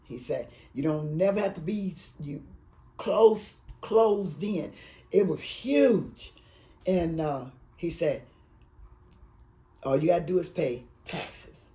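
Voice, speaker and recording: An elderly woman in her eighties, from Alabama and raised in Detroit, tells her family's story for an oral history. Her voice is dark and mellow, and her speech wanders and halts with emotion. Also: lowish voice, lively intonation, rough recording. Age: 80s. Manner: rambling, emotional, halting.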